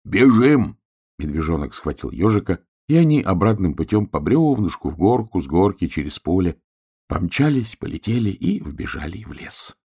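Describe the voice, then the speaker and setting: A man narrating a children's fairy tale in a lively, expressive storybook manner. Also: sits low, normal speed, creaky, slightly rough.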